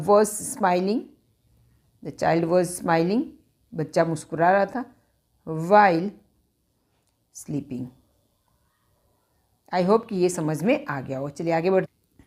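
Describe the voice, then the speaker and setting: A woman's voice: mid-range voice, a little mellow. A woman teaching English grammar step by step, repeating each phrase and mixing English words into her explanations.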